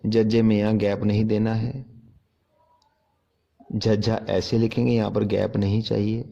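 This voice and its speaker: Slow, low-voiced man teaching handwriting. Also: level tone, creaky, mellow, muffled recording. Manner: slow, careful, instructive, repeating corrections. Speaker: Punjabi writing teacher. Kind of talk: step-by-step handwriting lesson.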